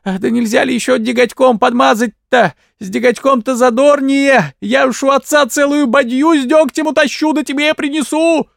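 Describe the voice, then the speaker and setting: A man's voice: extremely high pitch, steady tone, normal speed, vocal fry, hardly any pauses, fairly bright tone, no echo, studio quality, voice pushed up, heavily acted. A man voicing a naive young village girl who pleads and squeals, then turns eager.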